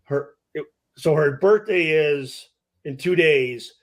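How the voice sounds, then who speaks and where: Swearing heavily, a middle-aged man tells an animated story as a guest on a podcast in a fairly high voice. His delivery is halting and repetitive, and he performs the back-and-forth of the conversations he describes.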